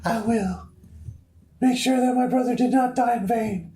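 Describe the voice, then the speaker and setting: A man doing a raspy young heroine girl. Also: measured pace, warm tone, echoey room. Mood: determined. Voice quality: raspy like a smoker. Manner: falsetto girl voice read off game text. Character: young heroine girl grieving her brother. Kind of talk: reading game dialogue aloud.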